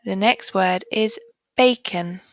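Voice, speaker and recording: Slow, careful woman phonics teacher. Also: medium pitch, dry recording, lo-fi sound. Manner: slow, clearly sounding out letters and words. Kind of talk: primary school phonics lesson.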